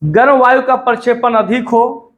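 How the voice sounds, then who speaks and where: A man's voice: extremely high pitch, moderate pace, dull audio. A male teacher from India giving a classroom lecture, repeating phrases and drilling students to say sounds aloud.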